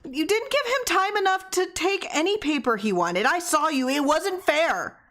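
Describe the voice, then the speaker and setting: A woman voicing a defiant, protesting small-town wife and mother in a story reading, indignant and yelling in drawn-out complaints. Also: high-pitched, sing-song, pitched above the performer's own voice. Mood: shouting, indignant.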